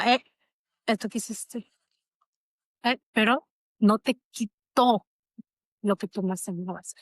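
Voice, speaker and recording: A woman's voice: mid-range voice, a bit bright, no echo. A middle-aged woman, an interview guest, telling a personal story in a reflective, emotional way. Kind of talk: conversational interview.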